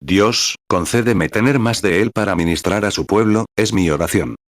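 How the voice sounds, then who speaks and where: A man reading a translated sermon in a steady, solemn way. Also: lowish voice, moderate pace, dry recording. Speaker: sermon reader.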